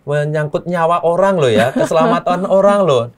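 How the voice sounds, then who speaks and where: Pastor santai bercanda sambil tertawa kecil. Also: male voice, fairly high pitch, normal speed. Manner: relaxed, chuckling, keeps adding "gitu kan ya". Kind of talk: casual chat, telling a joke then reflecting.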